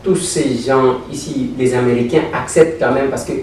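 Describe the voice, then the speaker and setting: A man's voice: medium pitch, steady tone, moderate pace, a little mellow. A man interviewing a guest, asking probing questions with many hesitant fillers and repeated words. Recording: echoey room, voice from far off, faint noise.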